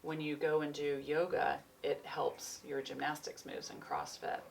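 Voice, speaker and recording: She has a deep, gravelly voice with little pitch movement and an unhurried pace. In her forties, a chiropractor and yoga teacher, she rambles loosely and laughs a lot during a casual, free-spirited interview chat, caught on a distant mic with faint noise.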